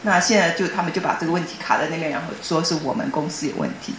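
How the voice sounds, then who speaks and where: A woman giving a personal testimony in a church hall, telling her story earnestly and excitably, often restarting her sentences. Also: deep voice, very fast, noisy background.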